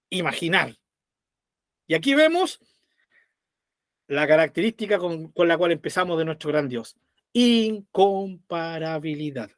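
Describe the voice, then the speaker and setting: High-voiced man teaching a Bible study. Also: no room sound, studio quality. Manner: animated, retells scenes, keeps checking in with "¿sí?".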